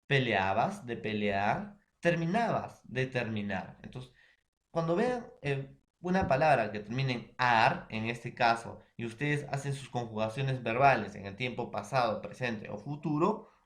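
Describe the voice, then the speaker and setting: A man's voice: mid-range voice, animated, a little slow. A man with a Peruvian Spanish accent teaching a spelling lesson to a class, repeating rules and checking in with the students. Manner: repetitive, checks in with the class often. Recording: echoey room.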